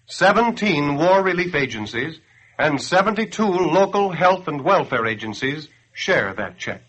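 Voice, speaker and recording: A husky, a bit bright and a little high voice carries this American man's scripted appeal, given earnestly and persuasively in declamatory 1940s radio style. He serves as radio announcer and campaign spokesman. The recording is a dull, grainy 1940s broadcast.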